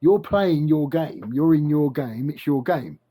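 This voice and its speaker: Toothless, gummy-voiced man rambling, higher-pitched. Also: lively intonation. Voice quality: toothless, gummy articulation with soft consonants. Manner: halting, repetitive, self-questioning, informal. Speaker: self-help video creator. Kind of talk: rambling spiritual monologue to camera.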